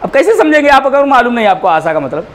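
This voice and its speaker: A man teaching a class in a lecture style, repeating words slowly for students to write down. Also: extremely high pitch, sing-song, a bit bright. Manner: slow, repeats words for dictation. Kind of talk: classroom lecture, dictating notes.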